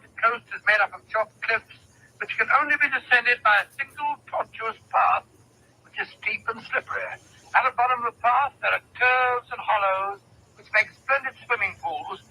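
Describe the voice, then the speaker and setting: Casting: gentlemanly doctor storyteller for vintage radio, high-pitched, husky, measured delivery. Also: male voice, full character voice, low-quality recording. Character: genial, gentlemanly male doctor recounting cases. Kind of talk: 1940s radio drama narration.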